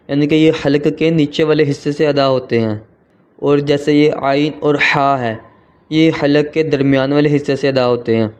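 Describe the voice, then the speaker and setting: A man's voice: fairly high pitch, a little mellow, clean tone, muffled recording. Patient Urdu-speaking man teaching letters. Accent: Pakistani Urdu. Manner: slow, patient, drawn-out letter sounds. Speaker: Quran reading teacher. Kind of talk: tutorial.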